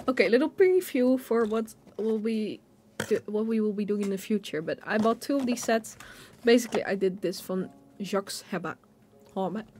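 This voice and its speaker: Her voice pitched fairly high and a touch mellow, a young woman chats casually about pens and a notebook at her home desk. This stationery vlogger's show-and-tell narration is full of fillers and restarts. An overhead camera captures the desk.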